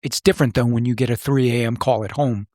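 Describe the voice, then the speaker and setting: Here a former cop turned podcast host, middle-aged, recounts his own stories in conversation with a serious, reflective, no-frills manner. His medium-pitched voice has fairly even intonation and a darkish tone, and he talks fast. It's a dry, clean studio recording.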